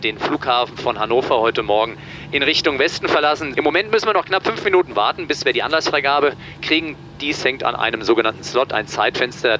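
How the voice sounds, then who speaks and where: Male captain, bright forceful voice, formal cockpit welcome to passengers over faint aircraft noise. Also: medium pitch. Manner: formal, courteous, halting with ums. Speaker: airline captain making a cabin announcement. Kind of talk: pilot cockpit announcement to passengers. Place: airliner cockpit before departure.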